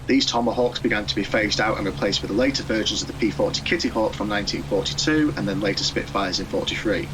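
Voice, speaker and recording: A man giving measured, matter-of-fact commentary as a pilot and narrator. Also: fairly low pitch. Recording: steady loud aircraft noise. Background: aircraft engine.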